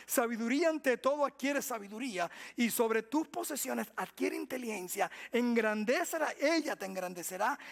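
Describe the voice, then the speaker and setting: A male pastor preaching a sermon, asking the congregation questions and answering them himself, moving between loud emphatic lines and soft asides. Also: very high voice, creaky. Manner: call-and-response questions to the congregation.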